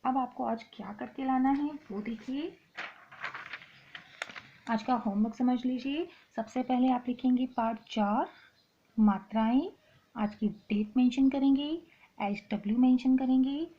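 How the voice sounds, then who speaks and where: A woman teacher going through a lesson slowly and step by step. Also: fairly high pitch, muffled recording. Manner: slow, explaining step by step. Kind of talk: online lesson.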